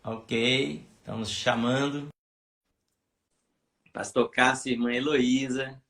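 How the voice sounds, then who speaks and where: Rambling Brazilian pastor hosting a livestream. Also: male voice, mid-range voice, fairly even intonation, slow pace, fairly bright tone. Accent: Brazilian Portuguese. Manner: rambling, with many fillers and restarts. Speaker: pastor hosting a church live stream. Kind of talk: casual church live-stream chat.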